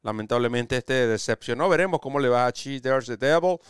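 A man hosting a horse racing analysis show on a video call, wearing a headset, with a lively presenter delivery. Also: medium pitch, a little fast, clean tone, no echo, clean studio sound. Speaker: host.

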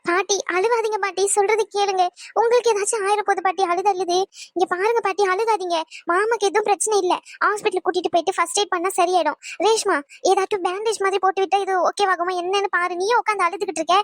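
A very high-pitched, quick-talking young woman, voiced by a woman, in a cartoon dub. She comforts and scolds her family in a firm, reassuring way. The sound is dry and close. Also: fairly even intonation, no room sound. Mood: coaxing.

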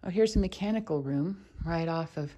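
Fairly quick and low, with a dark tone, a real estate agent's voice leads a casual house tour she hasn't scripted, chatting and thinking aloud as she walks the rooms. The handheld camera or phone is in her own hand, and there's clear noise in the recording.

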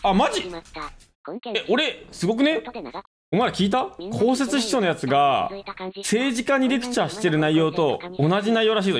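A man live-streaming, rambling and joking in casual chat with his viewers. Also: high voice. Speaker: game streamer. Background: background music.

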